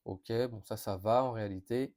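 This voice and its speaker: A man's voice: lowish voice, normal speed, a little mellow. Man thinking aloud over cards. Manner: thinking aloud, reading cards with many fillers and restarts. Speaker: board game youtuber. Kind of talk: casual card preview commentary.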